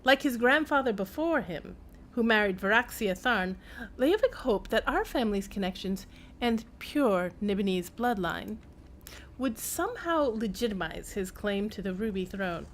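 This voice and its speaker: In a clip from a fantasy game, a woman with a mid-range, animated voice plays a pompous old imperial chancellor, dramatically reading his journal aloud with self-important flair. She speaks at normal speed in a natural-sounding voice, with slight background noise.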